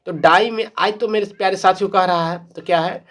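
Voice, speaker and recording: Rich: A man with a fairly high voice teaches English spelling rules in an online lesson. He spells each word out letter by letter, asks a question, then answers it himself. He keeps coming back to the same points. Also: fairly even intonation, a little fast, a bit bright. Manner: calls viewers "my dear friends".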